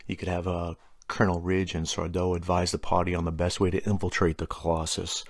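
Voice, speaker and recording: Hosting a tabletop gaming explainer, a middle-aged man reads prepared lore a little fast, with wry informality and offhand asides. He speaks in a low-pitched voice with a flat delivery, and there's no echo in the recording.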